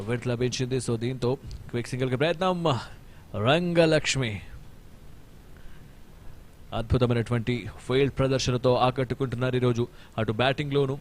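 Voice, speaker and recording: A man with a Telugu accent giving excited live cricket commentary, mixing in English cricket terms. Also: mid-range voice. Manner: excited, animated calls of wickets and boundaries. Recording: faint stadium noise behind.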